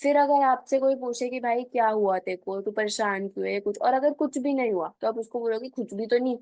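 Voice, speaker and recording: Woman, English teacher, higher-pitched voice, casual Hindi explanations, slow deliberate English phrases, dry close recording. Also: a little mellow, no room sound. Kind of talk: spoken English lesson.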